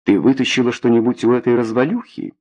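A man's voice: medium pitch, fast talker, a little mellow, husky, natural voice. A man doing a sarcastic young hustler. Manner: sarcastic, curt. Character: arrogant young male pool hustler, rude and greedy.

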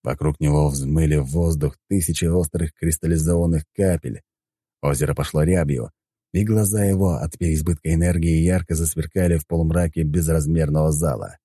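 A man narrates a fantasy story in a deep, dark voice. His reading is lively and expressive, and the recording is dry and close. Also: a little fast, breathy edge, dry recording. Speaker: audiobook narrator.

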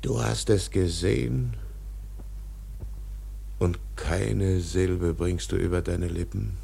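An actor in a radio drama playing an obsessed, tyrannical older whaling captain, declaiming grandly in a gravelly, husky voice. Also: male voice, deep voice, fairly even intonation, slow, dark tone, slight background noise, heavily acted. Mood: brooding, solemn. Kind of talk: literary radio drama acting.

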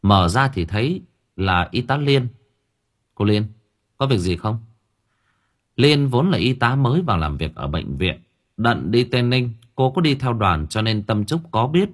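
A man narrating a novel as an audiobook in expressive storytelling style. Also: mid-range voice, moderate pace.

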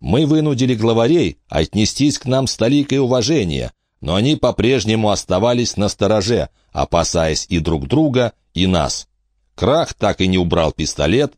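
A man narrating a first-person audiobook in a low, lively voice. His pitch rolls up and down expressively, and the sound is dry and close. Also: normal speed, dry recording. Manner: expressive storytelling.

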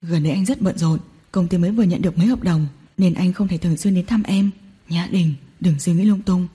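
Storybook: soothing young man, played by a woman, low, dark and soft. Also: brisk, slightly rough. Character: gentle soothing young man, patient boyfriend.

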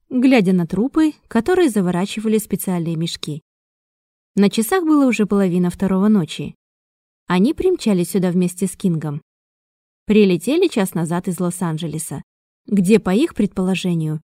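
A woman reading a thriller audiobook in an even, measured way. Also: mid-range voice, no echo, clean studio sound. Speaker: audiobook narrator. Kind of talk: scripted narration.

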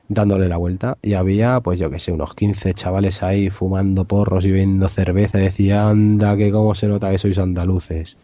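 Man telling comic stories, dark dry voice. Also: deep voice, no echo, muffled recording. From Ciudad Real, Spain. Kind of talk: comic storytelling.

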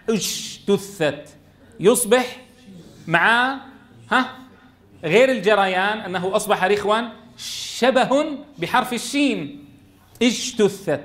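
A man's voice: sits high, a bit bright. A man teaching a Quran recitation lesson, drawing out and repeating letter sounds for his students to copy. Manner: drills letter sounds slowly, stressing and repeating them. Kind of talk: tajweed lesson with drills.

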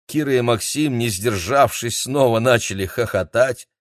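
A man narrating a children's adventure audiobook in a lively storytelling manner. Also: low voice, normal speed, no room sound, studio quality.

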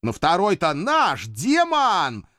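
A swaggering imp-thug , played by an audiobook reader, talks in a pushy, fawning way. His voice is pitched well above the reader's own and is loud. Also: huge pitch swings, slow, no echo, studio quality, exaggerated voice. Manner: fawning, thuggish. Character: brash, swaggering male imps, street thugs.

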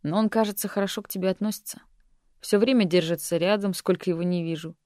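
A calm, condescending man, once her lover and her teacher, as a woman narrator reads him. He speaks softly and patronizingly, a little lower and quieter than her narration. The sound is dry and close. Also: quick pace, dry recording, natural voice. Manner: soft-spoken, patronizing.

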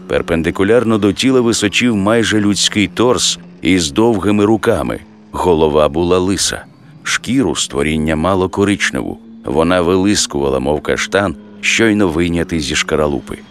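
Deep-voiced male audiobook narrator. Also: expressive, normal speed, a little hiss or hum.

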